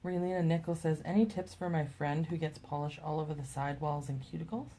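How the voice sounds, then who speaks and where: Woman, low voice, easygoing, reading viewer questions, casual salon chat. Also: steady tone, fast talker, mellow. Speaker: assistant reading viewer comments. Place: nail salon.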